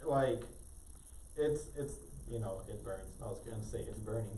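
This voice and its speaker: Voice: mid-range voice, moderate pace, warm tone. A teenager tells friends a story in loose, filler-heavy talk. The voice is picked up from a distance in an echoey room with faint noise behind it. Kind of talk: casual storytelling among friends. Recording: roomy, far from mic, faint noise.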